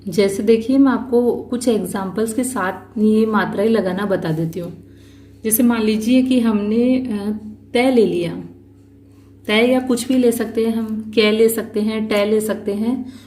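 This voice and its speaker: A woman teaching a shorthand lesson, explaining each rule slowly and patiently, repeating points and counting out positions. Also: on the high side, warm tone, a little hiss or hum. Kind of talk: slow step-by-step lesson.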